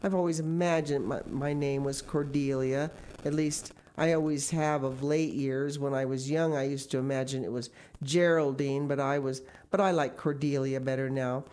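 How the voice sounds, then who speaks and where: Voicing an orphan girl around eleven years old who is dramatic and imaginative, a woman delivers eager, wistful, gushing outbursts full of theatrical, tearful pleading. Her voice is a bass with fairly even intonation, darkish, at a moderate pace with hardly any pauses.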